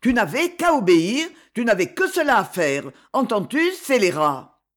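A stern little man of a father barks threats and scolds his son, voiced by a woman reader. His loud, gruff lines rise and fall in an animated storybook telling. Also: mid-range voice, a little slow. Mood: angry scolding. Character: stern, stocky middle-aged gamekeeper father, threatening.

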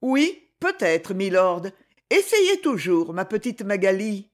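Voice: medium pitch, big pitch swings, slow. A reader voicing Mademoiselle Amélie, a kind, motherly old spinster, speaking affectionately in a storybook reading. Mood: tender. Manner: affectionate, cheerful.

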